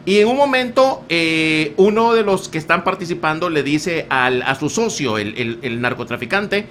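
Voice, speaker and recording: A man's voice: on the high side, expressive, moderate pace, fairly bright tone, slight background noise. A male radio host chatting casually with a caller, asking questions and repeating words for emphasis. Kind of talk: casual radio call-in chat.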